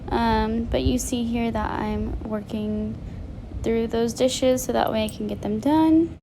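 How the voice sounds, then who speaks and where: A young woman narrates her day in a casual vlog. Her voice sits a little high and she talks informally, cutting into her own sentences. There is clear background noise on the recording. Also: steady tone, takes it slowly, mellow, rough recording. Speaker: stay-at-home mom vlogger.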